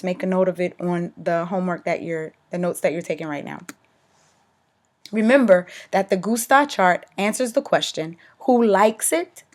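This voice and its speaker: A young woman teacher giving a recorded lesson, explaining clearly and checking in with "okay" as she goes. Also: medium pitch. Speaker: Spanish teacher.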